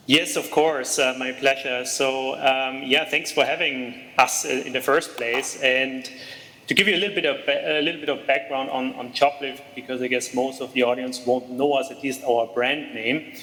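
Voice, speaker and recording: An Austrian startup co-founder answers interview questions over a video call, hesitant and full of fillers and restarts in a conversational way. His medium-pitched voice is steady and sharp at a normal speed, recorded in a large hall with poor audio.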